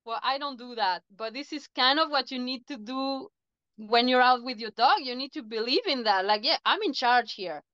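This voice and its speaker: A woman's voice: sits high, moderate pace, no echo, lo-fi sound. A woman from Chile, a dog trainer co-hosting a podcast in casual chat, who animatedly voices what dogs think. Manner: animated, acts out dogs' thoughts in asides.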